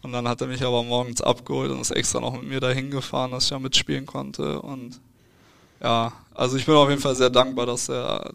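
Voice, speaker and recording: Young male footballer guest, even, smooth voice, casual and hesitant. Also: medium pitch. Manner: relaxed, hesitant with fillers and restarts. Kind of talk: casual interview answers.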